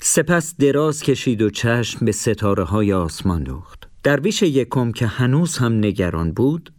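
A man narrating a children's story in an expressive storytelling manner. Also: mid-range voice, no echo, clean studio sound.

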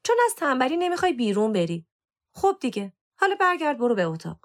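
A woman's voice: high-pitched, very animated, voice pushed up. A woman reading a storybook voices a moody, self-conscious teenage girl who whines and pleads. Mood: scolding. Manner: whiny, pleading with her cat.

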